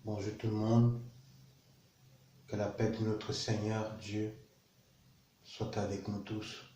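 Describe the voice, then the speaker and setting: Man, 30s, earnest and halting, deep mellow tone, roomy echo. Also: little pitch movement. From Cameroon. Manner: earnest, halting, repeats words as he searches. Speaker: vlogger sharing his testimony. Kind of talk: prayer and personal testimony. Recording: roomy echo with faint background noise.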